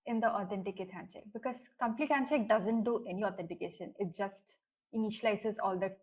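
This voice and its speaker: A woman's voice: mid-range voice, brisk, darkish tone, breathy edge, low-quality recording. Woman presenter on a video call, explanatory, loose with fillers. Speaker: presenter explaining test code. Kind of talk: technical discussion on a call.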